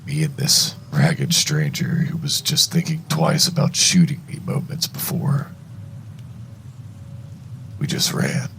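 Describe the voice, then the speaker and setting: A man narrating a first-person horror story in a hushed, deliberate, suspenseful way, with a gravelly voice. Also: extremely low pitch, very animated, a little hiss or hum.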